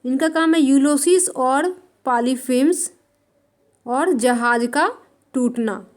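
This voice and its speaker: Woman, high voice, exam-prep art lecture, slow repeated terms. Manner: writes on a board while dictating; repeats terms slowly for note-taking. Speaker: art teacher.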